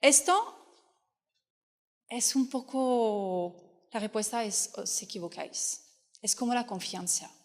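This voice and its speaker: In a reverberant hall at a fertility fair, a French-accented woman from France speaks non-native Spanish during an earnest conference talk as a fertility coach. She sounds a little high and takes her time, leaving long pauses while she explains and often starts over.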